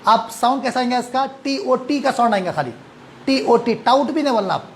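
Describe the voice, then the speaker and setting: A man's voice: very high voice, moderate pace, a little hiss or hum. Man teaching English verb forms. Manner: drills students with repeat-after-me, mixes English and Hindi-Urdu. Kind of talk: online verb-forms class.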